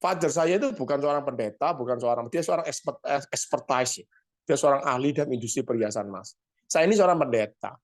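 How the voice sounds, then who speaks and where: A man's voice: mid-range voice, lively intonation, a little fast. A male pastor with an East Javanese accent tells a story from the pulpit in a conversational way. He speaks straight to the congregation as he goes. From Surabaya, Indonesia. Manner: conversational, addresses congregation directly. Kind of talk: sermon storytelling.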